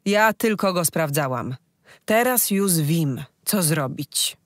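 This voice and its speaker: The audiobook reader voicing an old village healer woman who talks calmly in a rustic dialect. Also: medium pitch, slow pace, no room sound, clean studio sound. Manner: calm, knowing, rustic dialect.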